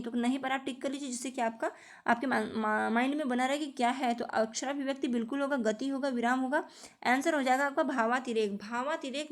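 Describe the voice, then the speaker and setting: A woman teaching an exam-prep lesson, patiently repeating each answer and often calling her viewers friends. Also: sits high. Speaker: teacher preparing students for teaching exams.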